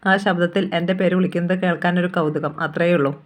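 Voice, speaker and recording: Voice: mid-range voice, fairly even intonation, fast, natural voice. A storyteller voicing a teasing, caring young woman friend in a novel reading, with playful, coaxing questions.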